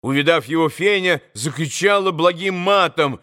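A man narrating a classic novel as an audiobook, measured and expressive. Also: a little high.

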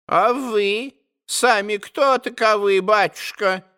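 A shrill, thin old servant woman, put on by a male narrator in a storybook reading. She scolds and chatters in homely, deferential speech, her voice very high and piercing. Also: takes it slowly, bright, forceful tone, clean tone, full character voice. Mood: chatty. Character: fussy old woman servant, startled and sharp. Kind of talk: audiobook character reading.

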